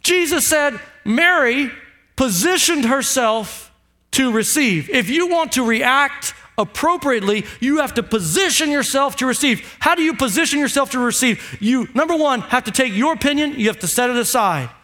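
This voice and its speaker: A man preaching a motivational sermon in a booming, emphatic way, repeating short phrases and putting rhetorical questions to listeners. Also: expressive, normal speed, pushed and bright.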